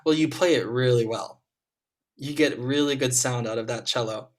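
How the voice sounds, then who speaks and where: Over a video call, a juror gives kind, supportive comments to young competitors, speaking at a normal speed in a mid-range voice with frequent ums.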